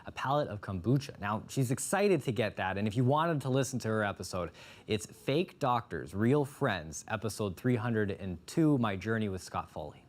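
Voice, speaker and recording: A man presenting the local evening news in a smooth, upbeat, scripted way. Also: on the low side, expressive, normal speed. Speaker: news anchor.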